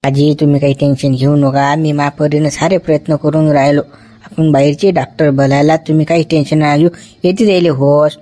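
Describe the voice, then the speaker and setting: A man's voice: fairly high pitch, little pitch movement, a little fast, dark tone, lightly acted. A man playing a self-important hospital doctor in a comedy sketch, reassuring relatives and scolding staff. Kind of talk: village comedy sketch acting.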